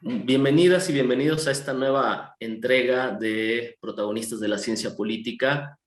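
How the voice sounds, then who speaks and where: A man hosts a formal interview in a polite, measured manner with the odd filler. His voice sits fairly low. The recording has a noticeable room echo. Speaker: interview host.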